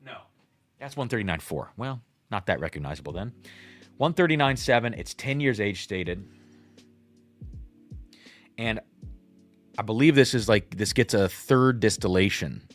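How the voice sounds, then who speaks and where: Low-voiced man in his thirties. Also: expressive, measured pace, pauses often, soft background music. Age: 30s. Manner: thinks aloud, reacts to chat. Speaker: host. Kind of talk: casual livestream whiskey tasting.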